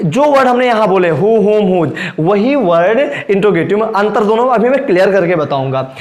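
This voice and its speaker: Hindi-accented guy teaching grammar in an echoey classroom, quizzes the class then answers himself. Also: sits high. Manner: asks questions and answers them himself, repeats terms. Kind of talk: classroom lecture. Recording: echoey room.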